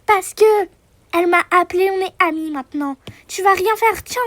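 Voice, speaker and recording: A woman's voice: extremely high pitch, moderate pace, a bit bright, no echo. A woman voicing a firm, protective man. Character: protective male ex-partner, calm and firm.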